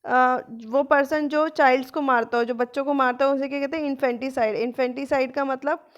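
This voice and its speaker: A woman teacher giving an online vocabulary lesson, mixing Hindi and English, posing questions and answering them herself, and reading English definitions slowly. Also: sits high, steady tone, lo-fi sound. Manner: explains in Hindi mixed with English, asks and answers own questions. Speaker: exam-prep teacher.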